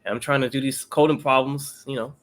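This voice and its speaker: A man's voice: medium pitch, steady tone, a little fast, fairly bright tone. A young man casually walking through a coding problem step by step, laid-back and patient as he studies for interviews. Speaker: interview candidate studying coding. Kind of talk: casual pair-programming chat.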